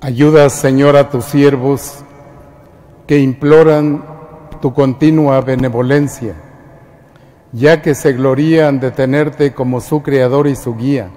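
A priest saying the opening prayer of Mass in a slow, solemn way. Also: male voice, mid-range voice, fairly even intonation, mellow. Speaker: presiding priest. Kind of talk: liturgical prayer.

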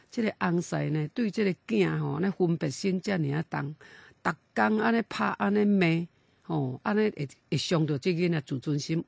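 Gravelly, animated male storyteller. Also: a little high, dry recording. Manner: animated, emphatic, frequent drawn-out fillers. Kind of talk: folk tale storytelling.

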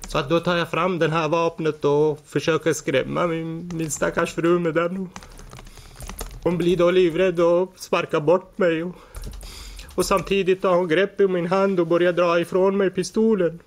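A man in his forties giving a halting personal account as a defendant in a courtroom, often stumbling and restarting words. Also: on the high side, little pitch movement. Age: 40s.

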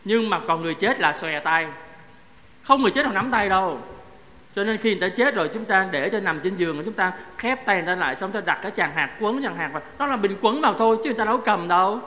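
High-voiced priest preaching in a church. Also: male voice, animated, fast talker, pushed and bright. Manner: conversational, asks the congregation questions. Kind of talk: sermon. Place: parish church. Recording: echoey church hall, faint noise.

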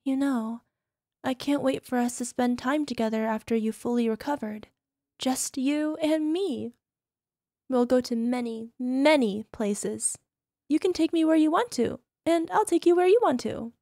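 Playing a young yandere wife for an ASMR roleplay, a woman addresses the listener in a very high, girlish, warm voice at an unhurried pace. Her sugary cooing is tender but possessive, hiding a controlling menace, and the dry recording has no room sound.

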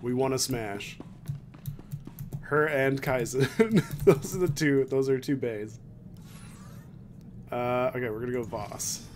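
A young man streams a game with casual, irreverent commentary. His voice is mid-pitched, recorded on a headset with faint noise and game sound behind it. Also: slow, long pauses. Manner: irreverent, joking. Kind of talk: casual let's play commentary. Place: small room at home.

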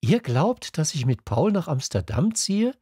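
A man's voice: fairly high pitch, sing-song, unhurried, dark tone, breathy edge, dry recording, clean studio sound, pitched above the performer's own voice, heavily acted. A man reading a children's audiobook, voicing a caring, worried mother in a lifted, lighter voice. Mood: surprised. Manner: raised, lighter voice.

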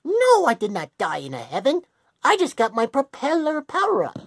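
A woman voicing a cocky, boastful male plumber hero in a hobby cartoon fan dub, with a teasing, sing-song manner and a breathy voice. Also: high voice, wildly swooping pitch, normal speed, dry recording, heavily acted. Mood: irritated. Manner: taunting, giggly, sing-song.

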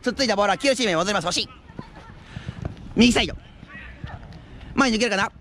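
A man giving live futsal commentary outdoors, with excited calls that rise into drawn-out goal shouts. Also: high voice. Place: outdoor floodlit futsal pitch at night. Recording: outdoor action camera with ambient noise.

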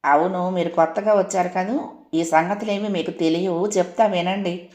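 A melancholy young woman from a storybook, read by a woman narrator, speaking slowly in a grave, gentle voice. Her tone sits somewhat low. The reading carries a roomy echo. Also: steady tone, lightly acted. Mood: calm. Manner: slow, grave and soft-spoken. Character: sad young woman, quiet and withdrawn.

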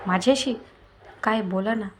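A woman's voice: medium pitch, normal speed, a little hiss or hum, close to an everyday voice. A woman voicing a devoted, strong-willed wife who talks with emotion and insistence. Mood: shocked.

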